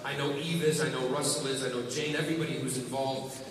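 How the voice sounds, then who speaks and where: A man's voice: medium pitch, steady tone, fast, noisy background. Man, enthusiastic panel guest, restarts often, distant mic, roomy hall reverb. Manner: enthusiastic, rambling with many restarts. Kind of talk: convention panel talk. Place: large convention hall. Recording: echoey hall recording from afar.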